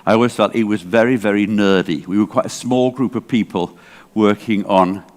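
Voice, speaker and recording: A library association director in his sixties, English-accented and from England, talks at a conference in a large, reverberant hall. His lowish voice keeps a moderate pace, and his chatty, self-deprecating remarks wander off on tangents, thick with fillers.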